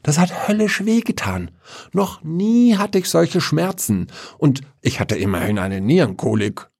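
A man's voice: a little high, big pitch swings, measured pace, gravelly, a little mellow, husky, no echo, clean studio sound, pitched above the performer's own voice, heavily acted. A man voicing a grumpy dead father who speaks from his grave in a raised, blustering, quarrelsome voice.

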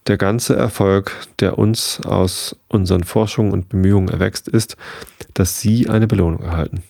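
A man's voice: deep voice, fairly even intonation, moderate pace, vocal fry, warm tone, no echo, studio quality. A man reading a clever amused detective. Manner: quoted dialogue read in the reader's own voice.

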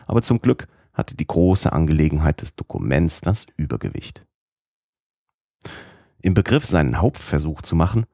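A man reading a classic novel aloud as first-person audiobook narrator, in a measured, literary storytelling manner. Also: a bass voice, gravelly, dark tone, breathy edge, no echo, clean studio sound.

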